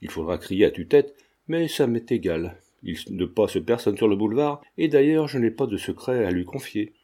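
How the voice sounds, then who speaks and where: A man's voice: fairly low pitch, lively intonation, normal speed, warm tone. A man reading as a brash young painter. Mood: blunt. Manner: blunt, teasing.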